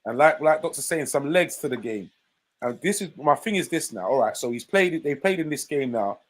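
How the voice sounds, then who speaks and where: A man's voice: on the high side, expressive, a little fast, rough recording. Emphatic man arguing football. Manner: emphatic, pushes his argument with rhetorical questions. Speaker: panelist. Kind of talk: casual live-stream football chat.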